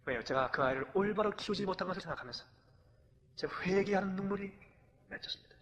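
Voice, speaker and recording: Middle aged pastor guy preaching, fairly high voice, goes loud then drops to a whisper, big echoey church. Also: fast. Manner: animated, swings from loud exclamations to hushed confession. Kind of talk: emotional sermon with acted anecdotes. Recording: long hall reverb.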